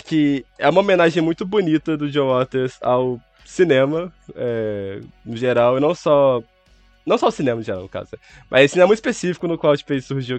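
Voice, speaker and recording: A man's voice: medium pitch, no echo. A Brazilian man co-hosting a casual, opinionated film podcast, his voice affected by flu and an inflamed, swollen throat. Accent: Brazilian Portuguese.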